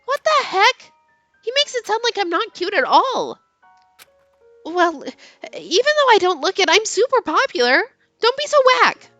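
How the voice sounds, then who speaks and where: Woman voicing a high, bright, lovestruck teenage girl. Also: very animated, measured pace, no echo, faint music behind, exaggerated voice. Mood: indignant. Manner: gushing, dramatic, insistent. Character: boy-crazy, pushy, bubbly fifteen-year-old girl in love. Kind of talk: expressive character reading of game text.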